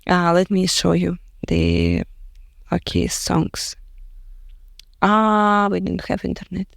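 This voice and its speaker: A woman from Russia with a Russian accent, speaking English as a second language and often pausing to search for words as an interview guest. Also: fairly low pitch, big pitch swings, gravelly, no echo, clean studio sound. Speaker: guest musician. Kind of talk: casual interview chat in English.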